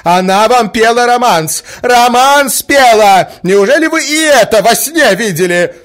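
Hectoring middle-aged woman as a man puts her on, shrieking, storybook reading, soaring pitch. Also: animated, rapid-fire, sharp tone, exaggerated voice. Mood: indignant. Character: shrill indignant provincial matron, middle-aged woman. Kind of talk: audiobook character reading.

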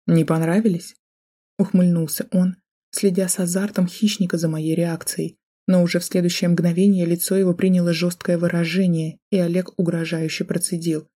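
A woman's voice: fairly low pitch, dark tone, slightly rough. A woman narrating a novel in the first person, telling it in a tense, emotional way. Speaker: audiobook narrator.

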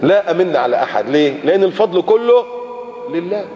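A man with an Egyptian Arabic accent preaching a colloquial sermon, animated and acting out everyday speech. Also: high-pitched, a little fast. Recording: muffled lecture-hall recording with long reverb.

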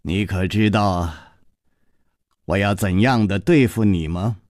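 A male storyteller voicing a ruthless, imperious palace mistress who speaks low, slow and half-whispered with quiet menace. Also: dry recording, studio quality. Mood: cold menacing.

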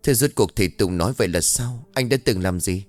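A man's voice: on the low side, fairly quick, a little mellow, faint music behind, lightly acted. Earnest pleading young woman, as a man reads her. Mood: questioning.

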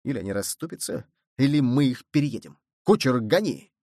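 A man voicing a bold, quick-witted musketeer who speaks briskly and confidently in an audiobook. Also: medium pitch, very animated, warm tone, dry recording, clean studio sound.

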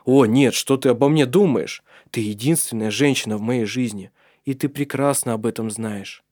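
A man's voice: medium pitch, moderate pace, darkish tone, dry recording, studio quality, natural voice. A man voicing an earnest, protective young nobleman in love in an audiobook.

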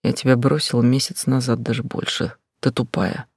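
A man's voice: level tone, moderate pace, darkish tone, no room sound, clean studio sound. A man voicing a cold, whispering young hustler. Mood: contemptuous. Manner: low, husky, menacing half-whisper.

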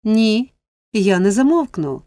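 A woman voicing a fiery young woman who shouts back defiantly to protect a child. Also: mid-range voice, sing-song, takes it slowly, no room sound, clean studio sound. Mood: stubborn defiance.

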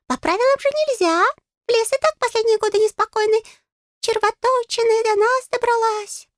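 A woman voicing a tiny male fairy in an audiobook, squeaky, pompous and greedy, with a bossy, indignant manner. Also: moderate pace, dry recording, studio quality. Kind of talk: audiobook character voice.

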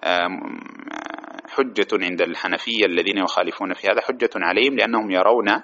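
A man's voice: deep voice, a bit bright, lo-fi sound. A man teaching a classroom lesson, reading a text aloud and explaining it, often checking with his students. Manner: fast, checks understanding with asides to students. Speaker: teacher of hadith commentary.

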